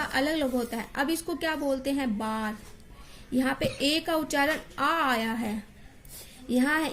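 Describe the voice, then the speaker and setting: A woman's voice: sits high, fairly bright tone. A woman teacher explaining English pronunciation, repeating words and spelling out letters to drill each sound.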